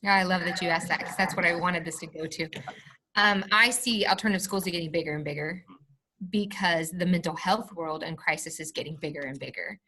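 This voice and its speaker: A woman's voice: fairly low pitch, a little fast, sharp tone. A woman, a school administrator, speaking earnestly and passionately in a podcast interview. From Missouri, USA. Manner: earnest and passionate, stressing words. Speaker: alternative school administrator, guest.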